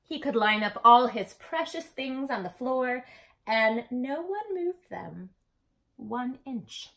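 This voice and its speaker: This woman hosts a read-aloud for little kids in a slow, fairly high voice that's slightly bright, with lively intonation and some vocal fry. She sounds affectionate and expressive, addressing the listener directly with emphatic, storybook-style phrasing.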